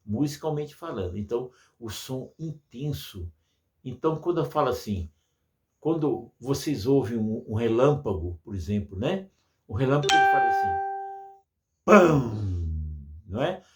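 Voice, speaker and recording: A man's voice: mid-range voice, expressive, moderate pace, a little mellow, slight background noise. A man teaching music to children, patient and full of diminutives, imitating sounds as he explains.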